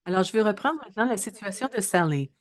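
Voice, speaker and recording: A woman's voice: medium pitch, animated. Woman in her thirties, hesitant lecturer. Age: 30s. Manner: measured, with frequent hesitations and self-corrections. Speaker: researcher presenting a webinar. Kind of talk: webinar presentation.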